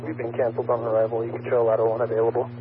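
A man's voice: medium pitch, completely flat delivery, rapid-fire, recorded from a distance, noisy background. A man in the field radioing in with terse, businesslike call codes, heard over a two-way radio. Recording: tinny two-way radio transmission.

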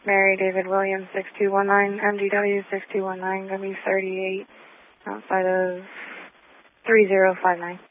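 A woman's voice: mid-range voice, monotone, normal speed. A woman police officer calling in over a police radio transmission, in a clipped manner as she spells out plates and locations. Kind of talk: terse radio call-in. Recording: narrow tinny radio channel.

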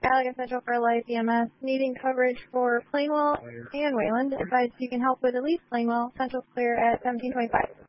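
A woman working as an emergency dispatcher, speaking in brisk, clipped radio codes over a police radio channel. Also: a little high, flat delivery, slight background noise. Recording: lo-fi scanner radio audio.

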